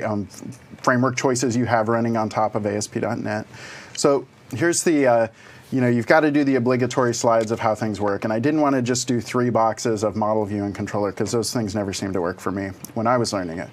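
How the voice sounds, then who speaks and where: A man co-presenting a programming course, explaining slides step by step in a relaxed way with dry humor. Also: mid-range voice. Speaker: co-presenter of a web development course. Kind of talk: casual technical explanation.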